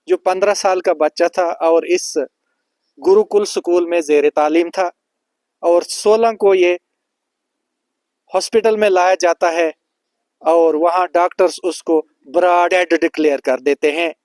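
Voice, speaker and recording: A male news reporter conducts an interview in a higher register than most men. The recording is dry and close. He asks sharp, leading questions. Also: no room sound.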